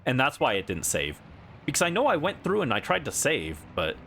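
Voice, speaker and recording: A man's voice: medium pitch, huge pitch swings, brisk, vocal fry, a bit bright, a little hiss or hum. A man streaming a video game with casual, playful commentary. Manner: playful, voices game characters aloud.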